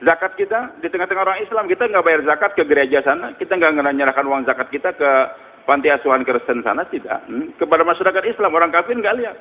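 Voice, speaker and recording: A man's voice: fairly high pitch, animated, quick pace. A man preaching a sermon. He tells stories, asks rhetorical questions and adds murmured "hmm" tags. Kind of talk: religious sermon. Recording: muffled with long hall reverb.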